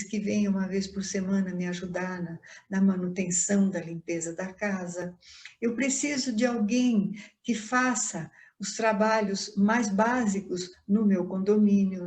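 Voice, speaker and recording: A middle-aged woman giving an online Spiritist lecture as a guest speaker, calm and reflective, gently explaining. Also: medium pitch. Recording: echoey room.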